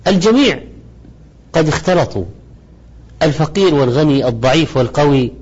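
A man giving a religious lecture in formal standard Arabic, speaking in a measured, didactic way in short phrases. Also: on the high side, animated, a little mellow, husky. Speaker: religious lecturer presenting a program. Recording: slightly dull, lo-fi audio.

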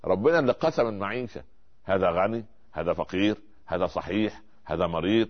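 Fast-talking Egyptian preacher, lo-fi. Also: male voice, low-pitched. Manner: repeats and stresses words, asks rhetorical questions. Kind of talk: religious lesson. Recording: dull lo-fi recording.

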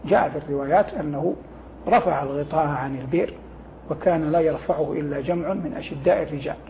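Gravelly, fast-talking male religious scholar teaching. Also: a little high. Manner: didactic, formal Arabic with pauses to gloss phrases. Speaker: religious scholar, programme guest. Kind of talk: explaining scripture with recited quotations. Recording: thin phone-like sound with faint noise.

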